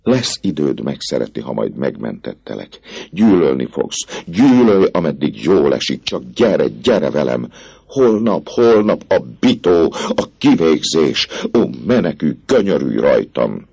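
Man doing a tormented obsessive priest, feverish pleading, very deep voice, gravelly rasp, audiobook. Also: very animated, mellow, exaggerated voice. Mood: desperate. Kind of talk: audiobook reading.

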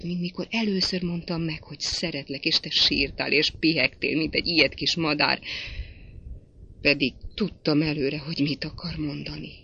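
Man doing a beseeching marquis, all passion, husky voice, dull lo-fi sound. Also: on the high side, bright, forceful tone, exaggerated voice. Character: ardent aristocratic marquis, desperate lover. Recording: dull lo-fi recording.

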